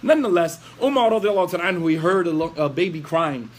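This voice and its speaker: A man's voice: sits high, expressive, quick pace. A man preaching in a lecture, scolding with rhetorical questions and telling a story, mixing in recited Arabic phrases.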